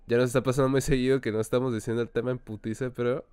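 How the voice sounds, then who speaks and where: A man's voice: mid-range voice, little pitch movement, racing, a little mellow, clear, resonant tone, no room sound. A young man with a Mexican Spanish accent hosting a casual, joking podcast chat full of slang and laughter. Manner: laughs often, slangy banter. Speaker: podcast host.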